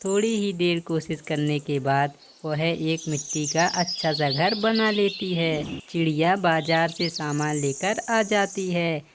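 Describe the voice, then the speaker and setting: A woman narrating a children's cartoon story in a plain, steady way. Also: deep voice, measured pace, hardly any pauses, background noise.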